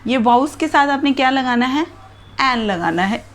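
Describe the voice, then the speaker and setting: A woman's voice: high-pitched, expressive, moderate pace, a little hiss or hum. A woman teacher giving a grammar lesson, spelling out letters and examples one at a time.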